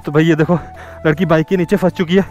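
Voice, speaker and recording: A man's voice: a little high, fairly even intonation, fast talker, darkish tone, faint music behind. A young man hosting a motorcycle vlog, chatting casually outdoors on a cold mountain road and keeps calling out to his viewers. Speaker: motovlogger host.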